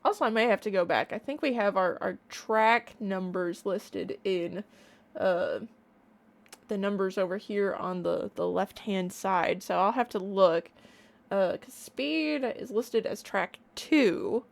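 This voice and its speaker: A woman streamer giving a casual, excited reaction in a playful, bubbly, gushing way. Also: mid-range voice, slow pace, vocal fry. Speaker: online reaction streamer and music creator.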